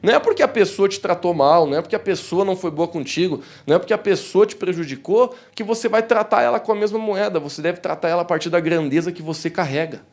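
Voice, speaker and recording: A young man preaching to his congregation in a church hall, with a southern Brazilian accent. His voice sits a little high for a man, and he talks to the room in a warm, chatty way. When he tells a story he acts out the voices in it. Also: quick pace, few pauses. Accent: southern Brazilian Portuguese. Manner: warm, conversational preaching, addressing the congregation as "queridos". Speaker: pastor. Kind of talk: sermon.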